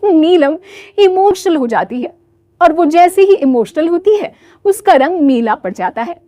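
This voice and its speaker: High-voiced woman narrating a comic story. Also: animated, measured pace, warm tone, dry recording, clean studio sound. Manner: playful, self-correcting.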